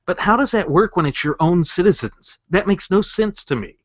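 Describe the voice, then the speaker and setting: A man's voice: sits high, lively intonation, moderate pace, dry recording. A man co-hosting a political talk show, arguing his points earnestly and building them with rhetorical questions. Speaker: co-host. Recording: dull muffled lo-fi audio.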